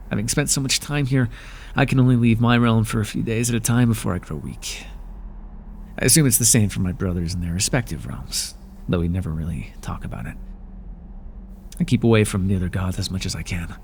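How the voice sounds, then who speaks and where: In an ASMR roleplay, a man voices a proud, weary god of the underworld, dry and aloof yet quietly curious. His voice sits fairly low, with a little hiss or hum in the recording.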